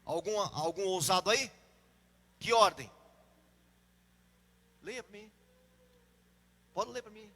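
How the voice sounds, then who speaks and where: A male pastor preaching a lively sermon and questioning his congregation. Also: high-pitched, takes it slowly, long pauses, in a large hall.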